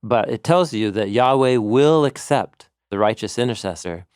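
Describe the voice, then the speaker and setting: A man co-hosting a podcast, explaining biblical stories in an animated conversational teaching manner, quoting scripture along the way. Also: medium pitch, moderate pace, clear, resonant tone, no echo, studio quality. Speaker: co-host and Bible teacher.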